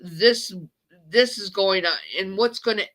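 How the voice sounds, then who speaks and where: Woman host, emotional slow rant, bright tense tone, lots of restarts. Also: medium pitch, rough recording. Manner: ranting, repeats itself and restarts sentences. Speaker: channel host. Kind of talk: impassioned monologue on a live chat.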